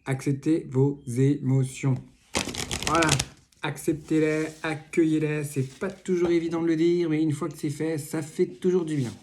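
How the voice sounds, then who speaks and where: A man's voice: a little high, steady tone, moderate pace. A man giving a casual card reading, rambling with many fillers, asides and jokes. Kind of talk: casual spoken tarot reading. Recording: noisy home recording with clicks.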